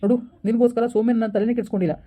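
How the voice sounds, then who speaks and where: A woman's voice: a little high, fairly even intonation, racing, warm tone, lightly acted. Woman playing a doting young husband. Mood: insistent. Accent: rural Karnataka Kannada. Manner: pleading then insistent, calls her baby.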